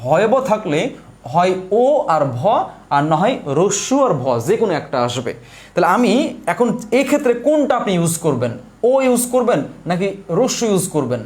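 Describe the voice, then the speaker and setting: High-voiced man teaching step by step. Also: big pitch swings, normal speed, darkish tone. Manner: repetitive, asks questions and answers them himself; explains step by step while writing. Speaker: exam prep teacher. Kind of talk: live online lesson.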